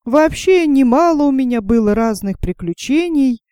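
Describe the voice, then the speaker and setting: A woman's voice: high voice, lively intonation, normal speed, mellow, clear, resonant tone, dry recording, clean studio sound, pitched above the performer's own voice. A woman voicing a vain bragging shirt collar. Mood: boastful. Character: boastful male shirt collar, vain dandy.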